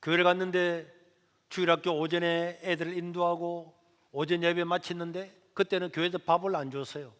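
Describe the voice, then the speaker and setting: A middle-aged male pastor, telling a story in a lively sermon. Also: sits high. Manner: animated storytelling. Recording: echoey church hall.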